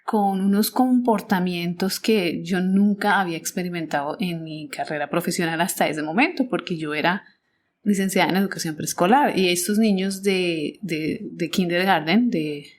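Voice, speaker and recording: A Colombian woman with a Colombian accent, hosting a podcast and reflectively recounting her first year as a teacher, often repeating words and restarting phrases. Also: on the low side. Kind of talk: personal storytelling podcast.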